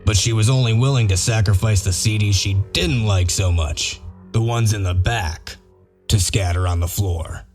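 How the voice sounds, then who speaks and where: A man acts out a gruff, shrewd wolf detective in his natural low, slightly mellow voice. At normal speed, he lays things out methodically with a sardonic edge, like a comic dub monologue, with faint music underneath.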